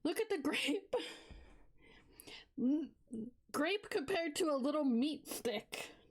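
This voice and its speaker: A woman's voice: high-pitched, lively intonation, slow pace. A young woman chatting casually on a live stream, bubbly and giggly, talking through what she is doing.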